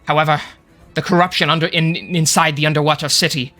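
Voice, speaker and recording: Tabletop game role: old goblin scholar played by a man, highish, tense, solemn and urgent, formal wording. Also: steady tone, fast talker, sharp tone, soft background music. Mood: grave, weary. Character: elderly, overstressed goblin headmaster and scholar, male.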